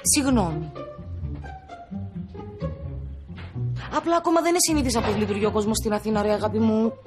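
An actress playing a chatty, stubborn Cypriot wife in a sitcom, speaking Cypriot Greek with animated, whiny complaints. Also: female voice, a little high, over music, lightly acted. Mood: gossiping. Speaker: Christina, comic wife in a sitcom.

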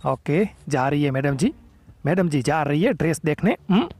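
A young man running a gaming channel delivers excited gameplay commentary packed with teasing and playful taunts. His voice is a little high and his pace is normal.

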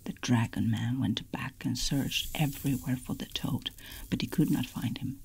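A woman telling a bedtime folk tale as a whispered role-play, in a soft, unvoiced whisper. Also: very deep voice, normal speed, gravelly, breathy edge, poor audio. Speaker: ASMR storyteller.

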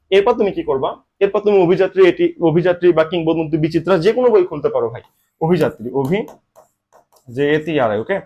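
A young man with a colloquial Bangladeshi Bengali accent, giving an online admission-coaching lecture in a brisk, teasing manner with rhetorical questions. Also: fairly high pitch, a little mellow.

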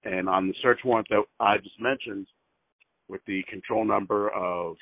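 A fairly low-pitched man talks over a landline phone line. The audio is narrow and tinny, with a dry sound and no room around it. He goes through details methodically, pausing on fillers and spelling out numbers slowly twice. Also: fairly even intonation, no room sound. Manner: hesitant, frequent fillers. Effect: heard over a landline phone line. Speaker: caller. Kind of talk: phone call and voicemail message.

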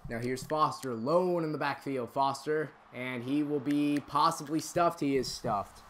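A man streaming a football video game, calling plays and chatting with viewers, bursting into shouted calls on big moments. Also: fairly high pitch, unhurried, a little hiss or hum. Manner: chats with viewers between plays. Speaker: gaming streamer. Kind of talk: play-by-play game commentary.

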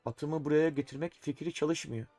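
A man's voice: a little high, normal speed, warm tone, no echo, faint music behind. A man streaming a live chess game, thinking aloud and talking to his chat, often exasperated. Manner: talks to himself and chat while playing, exasperated.

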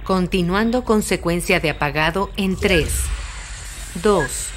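Spaceship training computer, impersonal, officious, instructional game voice, music behind. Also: female voice, on the low side, slow. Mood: impersonal, instructing.

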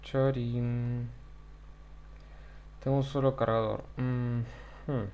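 A man, talking to himself while streaming a video game live from home, with loud outbursts and lots of swearing. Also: medium pitch, level tone, slow pace, dull audio, a little hiss or hum. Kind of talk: live gameplay commentary. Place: home, alone.

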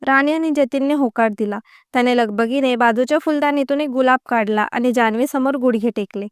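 A woman narrating a story in an even, unhurried reading voice. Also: sits high, clean tone, no echo, studio quality.

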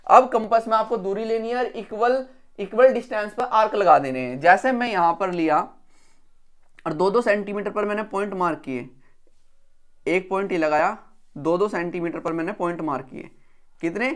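A man's voice: sits high, moderate pace. A man teaching an engineering drawing lesson step by step. He repeats each instruction and asks his students questions, then answers them himself.

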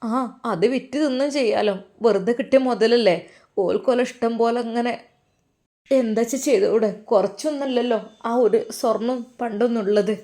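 A woman voicing a grieving elderly mother who speaks softly and tearfully, with a Malabar Malayalam accent. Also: on the high side, moderate pace, natural voice. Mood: resigned. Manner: soft, tearful and pleading.

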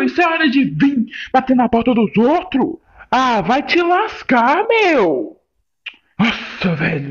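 A flustered, hot-headed young guy, voiced by a man in an amateur voice drama. He curses loudly, then quickly turns polite. The audio is a little muffled and lo-fi. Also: sits high, husky, full character voice. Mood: irritated.

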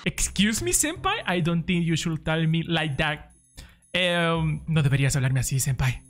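A man's voice: on the high side, animated, a little slow, a bit bright, faint music behind. A Mexican man reading out the lines of an obsessive young yandere girlfriend from a game, half in character. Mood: menacing.

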